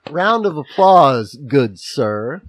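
Lively man with a slight lisp. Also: on the high side, slow pace, noisy background. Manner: animated, rambling with restarts. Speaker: podcast co-host. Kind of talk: casual chat about a book chapter.

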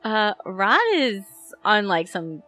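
Female podcast co-host, bright voice, chatty explainer, mid pitch. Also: lively intonation, takes it slowly, soft background music. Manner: chatty, explains plot points plainly. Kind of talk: casual chat about a book chapter.

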